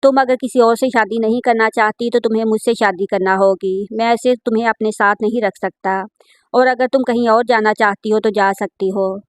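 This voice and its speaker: A woman reading as a calm, guilt-ridden man. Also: a little high, moderate pace, no echo, clean studio sound, close to an everyday voice. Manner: calm, even, insistent.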